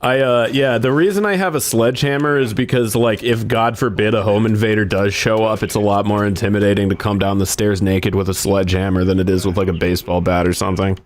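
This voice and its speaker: A man's voice: fairly low pitch, fairly even intonation, fast, hardly any pauses. A man hosting a casual game stream, telling rambling stories full of fillers and swearing. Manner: rambling storyteller, heavy on "like" and swearing. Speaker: streamer host. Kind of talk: casual gaming stream chat.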